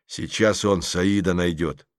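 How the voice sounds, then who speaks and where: Guy doing a whispery schoolboy, quiet and low, can't stop explaining. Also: big pitch swings, measured pace, vocal fry, dry recording, studio quality, exaggerated voice. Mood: eager whisper. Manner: whispering, eager. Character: schoolboy Petrov, chatty know-it-all.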